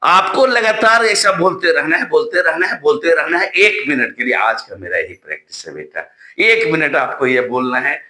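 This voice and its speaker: A man from Bihar gives a spoken English lesson, talking straight to his students and calling them children. His voice is very bright and a little high. He repeats each drill phrase slowly, and the room has a noticeable echo. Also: big pitch swings. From Bihar, India. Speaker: English teacher.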